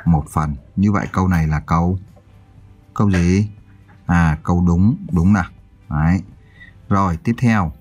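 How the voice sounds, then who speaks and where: A man's voice: low voice, a little mellow, breathy edge. A male teacher giving a primary school math lesson, counting aloud and asking his pupils check questions.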